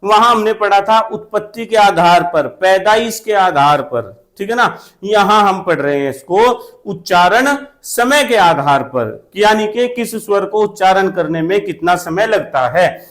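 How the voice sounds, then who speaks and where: A man's voice: sits high, lively intonation, unhurried, hardly any pauses, a bit bright. A male grammar teacher giving an exam-prep lesson. He asks questions, answers them himself and keeps checking that students follow.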